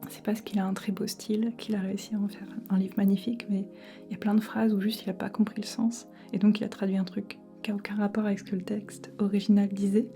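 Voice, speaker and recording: A woman speaking in a hushed, breathy library whisper, chatting informally in a casual ASMR book talk. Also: medium pitch, flat delivery, fast talker, soft background music. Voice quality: soft, breathy unvoiced whisper. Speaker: ASMR creator.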